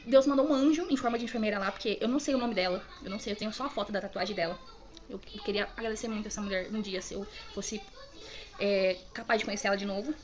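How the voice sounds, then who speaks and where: A young woman from Brazil telling an emotional personal story, fast and full of restarts. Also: fairly high pitch, muffled recording, slight background noise. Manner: rapid, emotional, many fillers and restarts. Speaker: vlogger telling her birth story.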